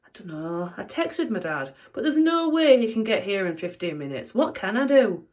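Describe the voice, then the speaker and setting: A woman's voice: medium pitch, very animated, normal speed, close to an everyday voice. A woman voicing a worried schoolboy in a children's storybook reading, stammering and pleading. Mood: anxious. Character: anxious schoolboy in trouble.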